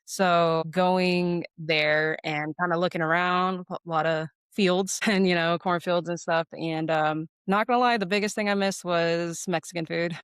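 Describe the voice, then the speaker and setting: A clear-voiced American woman from Phoenix, Arizona, is an interview guest, an air traffic controller and former Marine, telling stories in a casual, candid, informal way. She often quotes exchanges she remembers. Her lowish voice has fairly even intonation and a measured pace, with no room sound.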